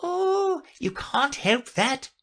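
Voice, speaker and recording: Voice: sits high, sing-song, extremely slow, fairly bright tone, pitched above the performer's own voice, full character voice. A storybook reader voicing a grinning, playfully mad cat with an emphatic, teasing delivery. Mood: gleefully mad. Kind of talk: children's storybook character reading.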